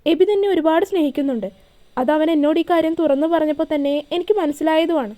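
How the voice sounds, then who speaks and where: A woman's voice: high-pitched, quick pace, warm tone, close to an everyday voice. A woman voicing an earnest young man, reassuring and sincere in his advice. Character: earnest young man, caring elder brother figure.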